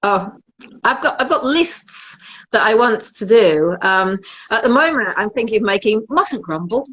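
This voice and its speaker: A woman's voice: mid-range voice, animated, a little slow, fairly bright tone, breathy edge, poor audio. A woman, a perfumer chatting as an interview guest in a self-mocking, jokey way. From Britain. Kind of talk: casual interview chat.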